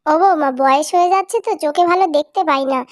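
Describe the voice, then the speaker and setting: Woman voicing a frail old cartoon mother, meek, pleading, soft, high voice, dry close sound. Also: quick pace, dry recording, close to an everyday voice. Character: frail, meek elderly village mother-in-law. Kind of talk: cartoon voice acting.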